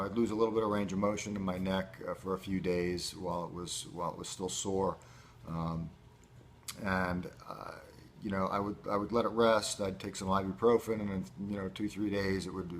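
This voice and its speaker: A man with a low voice talks casually to viewers as a patient giving a recovery update. His delivery is measured and matter-of-fact, with halting phrasing. Faint noise sits behind the home-style recording. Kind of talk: casual first-person vlog.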